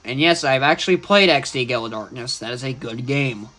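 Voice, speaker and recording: A man's voice: medium pitch, fairly quick, pushed and bright, faint music behind. A young man chatting casually and opinionatedly while livestreaming a video game. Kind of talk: live gameplay commentary.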